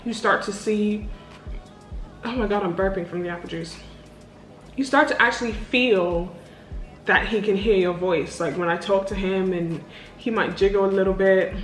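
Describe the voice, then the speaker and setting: A woman's voice: mid-range voice, moderate pace, pauses often. A young woman talks frankly and casually, cursing now and then as she answers questions. Her voice sits mid-range and rings a little in an echoey room, with faint music underneath. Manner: candid and chatty, swears freely. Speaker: vlogger. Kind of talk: casual sit-down Q&A.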